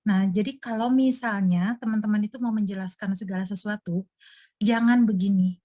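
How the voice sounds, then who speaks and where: A woman giving a casual marketing talk, chatty and lively, acting out listeners' reactions with quick asides and laughs. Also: mid-range voice, no echo, clean studio sound. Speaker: marketing trainer. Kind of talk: casual presentation.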